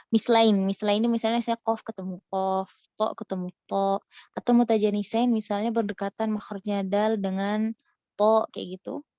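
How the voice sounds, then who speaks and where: A young woman teaching Quran recitation in a casual online lesson, patiently explaining and slowly modeling each example. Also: fairly high pitch, a little mellow, dry recording, muffled recording.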